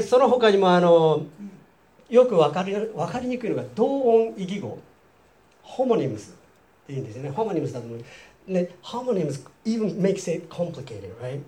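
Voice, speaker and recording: A man from Japan with a high, darkish voice and a Japanese accent preaches in a Seattle church hall. Chatty, he asks the audience questions and gives each point again himself in another language.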